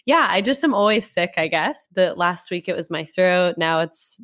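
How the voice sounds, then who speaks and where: A woman with a somewhat low voice co-hosts a casual podcast. She sounds congested, with the stuffy nose of a cold, and talks in an informal, chatty way. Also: expressive, moderate pace, a bit bright. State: has a cold. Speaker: podcast co-host.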